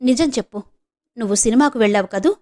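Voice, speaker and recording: Elder sister doctor as a woman reads her, firm questions, heavy soft words, fairly high voice. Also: fast, lightly acted. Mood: probing. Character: unmarried elder sister, a doctor, quiet and hurt.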